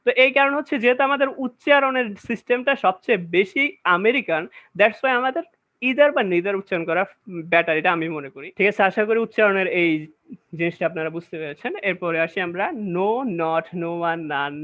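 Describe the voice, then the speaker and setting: A man's voice: high-pitched, brisk, bright, forceful tone. A man teaching English grammar in a classroom-style lecture, explaining step by step and checking that listeners follow. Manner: explains step by step, often checks understanding with questions. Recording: dull lo-fi recording.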